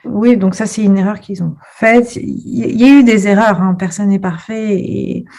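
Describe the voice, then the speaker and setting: A woman's voice: medium pitch, steady tone, normal speed, dark tone. A woman in her thirties telling her own story as a podcast guest, hesitant, with many fillers and restarts. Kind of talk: personal testimony in a podcast interview.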